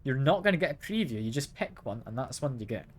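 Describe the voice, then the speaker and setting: A man's voice: mid-range voice, very animated, fast talker. Chatty man streaming a game. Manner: chatty, asks chat questions, chuckles often. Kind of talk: casual live gameplay chat.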